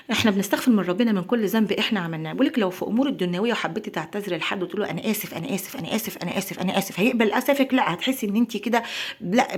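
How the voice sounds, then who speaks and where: A young woman with an Egyptian accent, talking earnestly to her viewers about prayer and blessings. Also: medium pitch. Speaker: lifestyle vlogger. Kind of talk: heartfelt religious talk to viewers.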